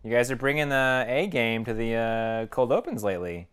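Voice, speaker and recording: A man hosting a casual podcast, jokey and quick to react, welcoming everyone to the episode. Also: mid-range voice, a bit bright, smooth. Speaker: podcast host.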